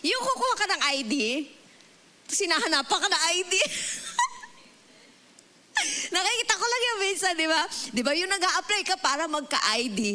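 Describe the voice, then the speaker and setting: A woman pastor with a Filipino accent preaching a lively, humorous sermon. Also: sits high. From Philippines. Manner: mixes Tagalog and English, lively and humorous.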